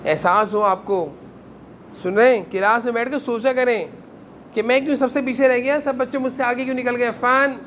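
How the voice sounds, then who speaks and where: A man's voice: extremely high pitch, slight background noise. A man teaching a class of children at a madrasa, sternly correcting them and making them answer together.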